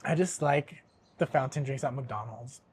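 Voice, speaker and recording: A young man hosting a podcast, telling a story in casual chat, animated and swearing often, with laughs mixed in. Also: mid-range voice, moderate pace, breathy edge. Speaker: podcast host.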